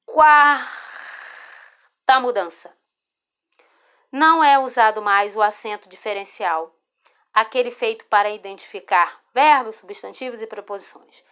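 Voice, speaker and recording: A woman's voice: medium pitch, fairly bright tone, clean tone. A Brazilian woman teaching a spelling lesson, explaining patiently and checking in with her students as she goes. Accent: Brazilian Portuguese. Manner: slow, patient, repeats words and checks in with "tá?". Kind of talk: explaining a spelling lesson over a screen recording. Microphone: phone or screen recorder mic.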